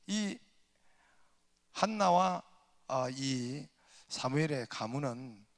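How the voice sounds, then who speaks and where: A man preaching a Sunday sermon as pastor, moving from light humor into steady Bible teaching. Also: a little high, long reverb tail. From South Korea. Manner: jokes in regional dialects before teaching. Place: church sanctuary.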